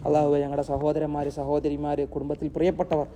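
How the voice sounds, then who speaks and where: A man teaching a Quran lesson, posing rhetorical questions and answering them himself, and reciting Arabic verses slowly. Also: a little high, monotone, mellow, highs cut off, a little hiss or hum.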